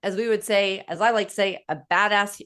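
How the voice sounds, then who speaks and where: A woman's voice: mid-range voice, steady tone, fairly quick, a bit bright. A woman with a Boston accent hosting a podcast interview, effusive and enthusiastic, rambling a bit as she introduces her guest. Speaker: podcast host. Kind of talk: casual interview chat.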